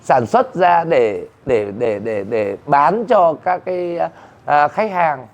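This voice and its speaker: A man's voice: a little high, expressive, slow. An older man, a silk artisan, explains his work, often repeating words as he goes. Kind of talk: interview answers. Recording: muffled, with room ambience.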